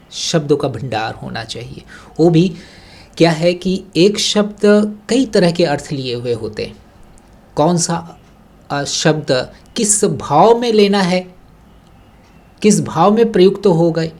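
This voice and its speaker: A man teaching an exam-prep lesson, reading English sentences slowly word by word and then explaining them patiently. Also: a little high, a little mellow.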